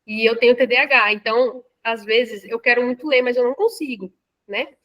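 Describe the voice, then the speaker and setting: Hesitant Brazilian woman, slightly high voice. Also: brisk, highs cut off. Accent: Brazilian Portuguese. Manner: hesitant, many fillers and restarts. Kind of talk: casual discussion in a lecture.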